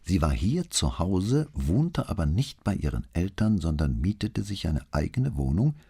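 A courteous middle-aged detective, as a male reader plays him questions a witness gently and patiently. His voice sits very low, dark and mellow, with a husky edge. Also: very animated, a little slow, full character voice. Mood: gently probing.

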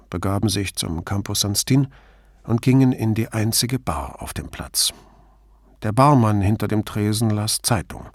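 Calm and even, a man tells a story as scripted audiobook narration in a voice on the low side. The sound is dry and clean, as from a studio.

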